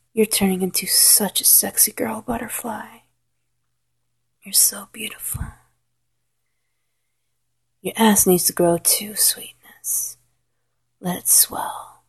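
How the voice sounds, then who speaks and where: A woman whispering a slow, coaxing guided hypnosis roleplay in a soft, intimate voice. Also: medium pitch, husky. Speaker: hypnosis narrator.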